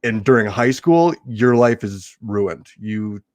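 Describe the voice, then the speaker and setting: A young man with a mid-pitched voice chats on a casual podcast, rambling through his ideas and laughing often. He talks in an animated, loose way among friends. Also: slow pace. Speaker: podcast co-host. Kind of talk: casual comedic podcast chat.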